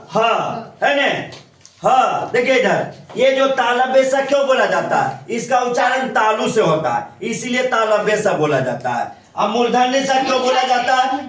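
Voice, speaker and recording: A man's voice: very high voice, a bit bright. A male teacher giving a classroom grammar lesson, repeating points and asking questions constantly. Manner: repetitive, asks questions constantly. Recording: echoey room, voice from far off.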